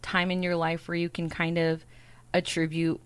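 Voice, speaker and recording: A woman's voice: on the low side, completely flat delivery, normal speed, smooth. A woman hosting a podcast, upbeat and chatty, who laughs easily as she interviews a guest. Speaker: podcast host.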